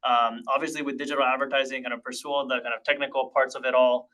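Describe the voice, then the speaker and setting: Bright-voiced Honduran-born man, reflective. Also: mid-range voice, flat delivery, quick pace, rough recording. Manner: reflective, many fillers and restarts. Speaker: podcast guest, tech partnerships leader. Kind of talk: casual interview chat.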